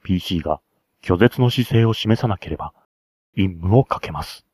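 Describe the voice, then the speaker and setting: Husky man narrating a tabletop scenario. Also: deep voice, lively intonation, moderate pace, a little mellow, no room sound. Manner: chatty, enthusiastic side remarks. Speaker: game master.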